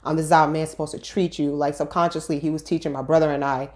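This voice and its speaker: A fast-talking young woman from Brooklyn, New York, recounts her story as a relaxed, chatty interview guest who laughs often. Her darkish voice is low-pitched and shows little pitch movement.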